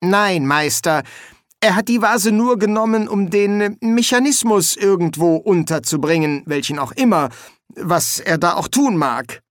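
A narrator voicing a nervous, fussy male wizard bursar in an audiobook, speaking slowly and hesitantly. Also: mid-range voice, animated, no room sound, clean studio sound, voice pushed up, close to an everyday voice. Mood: explaining.

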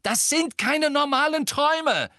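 A man voicing a desperate teenage boy who urges his friends on with loud, urgent outbursts. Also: a little high, moderate pace, no room sound, studio quality, pitched above the performer's own voice, lightly acted. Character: frantic teenage boy wizard, desperate and shouting.

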